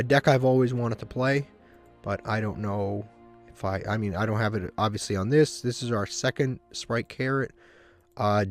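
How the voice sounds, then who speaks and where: A man with a slight cold giving casual, monotone gameplay commentary, rambling and often restarting his sentences. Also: fairly low pitch. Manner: monotone, self-described. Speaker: gaming video host.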